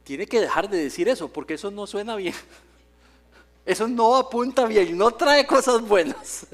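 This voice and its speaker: A man's voice: high-pitched, expressive, moderate pace. A male pastor preaching a sermon in a church, telling stories with humor and acting out the voices he quotes. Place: church sanctuary.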